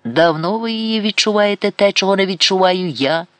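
A man's voice: high voice, fairly quick, a bit bright, no echo, soft background music, pitched above the performer's own voice. A man voicing a witty, mocking young adventurer with an ironic, mock-announcer delivery in an audiobook.

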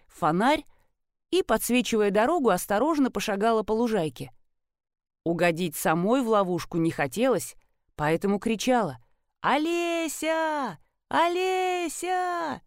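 A woman reads a first-person detective story aloud in a lively way, with wry asides. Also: medium pitch, no room sound, studio quality. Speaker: audiobook narrator. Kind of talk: scripted first-person narration.

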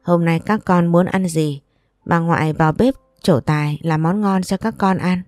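A woman voicing a sharp-tongued middle-aged mother and grandmother, in a read-aloud family story. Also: lowish voice, moderate pace, no room sound, clean studio sound, natural voice. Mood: doting.

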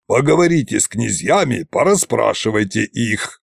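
Man doing gruff old tsar Koschei. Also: on the low side, animated, no room sound, studio quality, exaggerated voice. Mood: commanding. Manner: barking curt orders, slow and deliberate.

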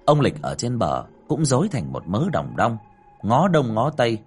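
A man's voice: medium pitch, huge pitch swings, moderate pace, husky, faint music behind. A man narrating a ghost story expressively.

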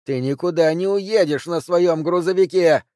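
A man voicing an enraged red-haired woman with a shotgun, yelling furious threats in an audiobook. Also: on the high side, measured pace, dry recording, clean studio sound, voice pushed up, lightly acted. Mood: taunting yells.

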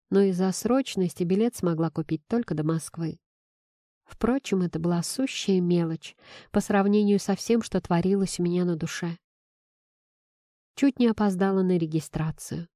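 A woman narrating a first-person novel, measured and expressive. Her voice is mellow and warm at a middle pitch. The recording is dry and close. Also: dry recording. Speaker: audiobook narrator.

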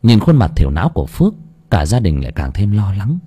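A man's voice: on the low side, wildly swooping pitch, fast talker, dark tone, breathy edge. A man narrating an audiobook story expressively.

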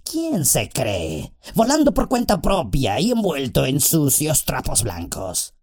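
A man's voice: fairly high pitch, wildly swooping pitch, slow, voice pushed up, heavily acted. A man doing a sneering, sweet-voiced orc schemer. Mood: mocking. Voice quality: softer, sweeter than the others. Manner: sneering, mocking. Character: sly, malevolent male orc messenger, mocking. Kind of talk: audiobook character voice.

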